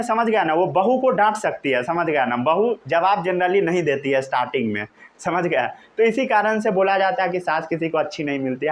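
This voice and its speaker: Animated, high-voiced male teacher. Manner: animated, keeps asking "samajh gaye?". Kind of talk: classroom lecture.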